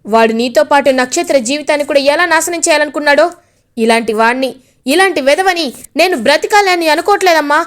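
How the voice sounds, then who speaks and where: A woman reads the part of an enraged middle-aged father in a serial recap. He shouts in outrage and hurls threats, all in a high, light voice. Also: expressive, brisk.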